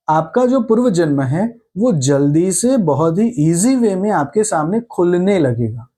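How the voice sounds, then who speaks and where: Slow, mellow-voiced male meditation guide. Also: sits high. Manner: calm, unhurried, reassuring explanation; slower and softer when guiding the meditation.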